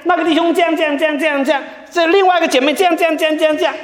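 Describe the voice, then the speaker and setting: Shrill, indignant churchwoman venting her complaints, a man putting her on, echoey hall with long reverb. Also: fairly even intonation, racing. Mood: exasperated.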